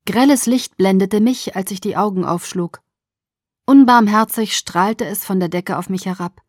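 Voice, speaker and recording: A woman narrating a first-person novel for an audiobook, following the drama and dropping almost to a whisper in quiet passages. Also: mid-range voice, normal speed, no room sound, studio quality.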